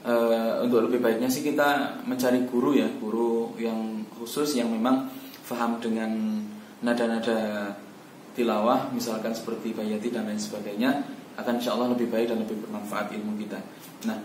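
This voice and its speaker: A man's voice: mid-range voice, steady tone, moderate pace, darkish tone. A man teaching Quran recitation, explaining in a patient instructional way. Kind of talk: instructional talk. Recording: roomy echo, distant mic, faint background noise.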